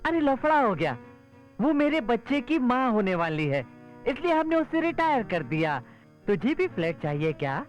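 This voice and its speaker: A man's voice: extremely high pitch, sing-song, moderate pace, lo-fi sound, soft background music. An actor playing a flustered, philandering man who is caught out in a comic film scene. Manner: flustered, panicky comic patter. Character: panicky cheating man caught out. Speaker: philandering husband in a film comedy.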